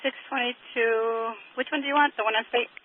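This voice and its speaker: A man working as a police dispatcher, reading out calls in rapid, clipped bursts over a police radio channel. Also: very high voice, fairly even intonation. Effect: police radio transmission. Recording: tinny scanner radio with faint static.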